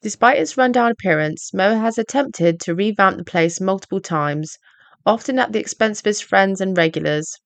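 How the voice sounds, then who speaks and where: A woman, reading a scripted video essay narration in a measured, explanatory way. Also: mid-range voice, dry recording.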